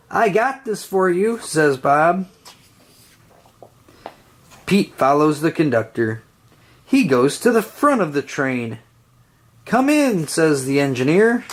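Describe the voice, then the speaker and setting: A woman reads a children's picture book aloud, slow and gentle, with a lively rise and fall in her pitch.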